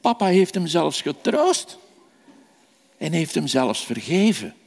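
A man telling a children's sermon, animated and asking the children questions. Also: fairly high pitch, slow, creaky. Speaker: children's preacher. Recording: echoey hall reverb.

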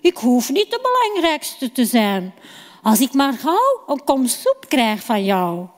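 A woman plays a worn-out young hunter, whining and eager for food, his voice climbing high and swooping. The sound rings with long reverb from a large hall. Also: huge pitch swings, slow pace, exaggerated voice. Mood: pleading. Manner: pleading, whiny, eager. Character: hungry tired young hunter Esau, impatient.

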